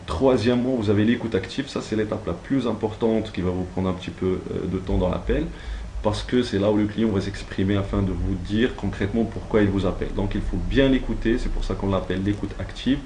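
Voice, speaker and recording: A trainer teaches call-centre phone technique step by step in a didactic, semi-improvised talk, checking that his listeners understand. His voice is on the low side and warm, fairly quick, with a little hiss or hum behind it.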